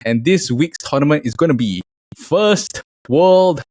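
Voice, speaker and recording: Man, podcast host, casual chat, bit high, very animated. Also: unhurried, no echo, studio quality. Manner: lively, laughs often.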